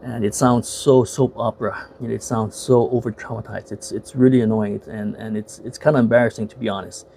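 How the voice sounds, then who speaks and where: Guy rambling through a movie review, lots of uhs, gravelly warm voice, kinda frank about it. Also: on the low side, fairly even intonation, a little fast, few pauses, slight background noise. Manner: rambling, full of uhs and self-corrections; frank, opinionated. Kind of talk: casual spoken movie review.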